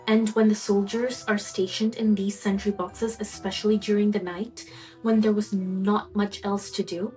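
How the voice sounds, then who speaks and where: Female storyteller, middle pitch, suspenseful fireside telling, soft music underneath. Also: low-quality recording. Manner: slow, suspenseful storytelling with drawn-out pauses. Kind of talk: spooky folk tale narration.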